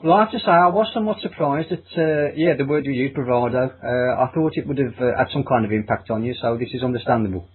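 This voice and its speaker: A man co-hosting a deadpan comedy sketch with a dry, mock-sympathetic manner, over a phone-like lo-fi recording. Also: mid-range voice, quick pace, hardly any pauses, breathy edge. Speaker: co-host. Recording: phone-like lo-fi sound.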